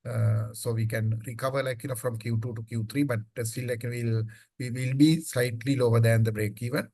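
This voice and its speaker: Speaking as a company executive on an unscripted earnings call, this man answers questions off the cuff and conversationally, frequently dropping "like, you know." His medium-pitched voice is steady, a little mellow, at normal speed, with no echo.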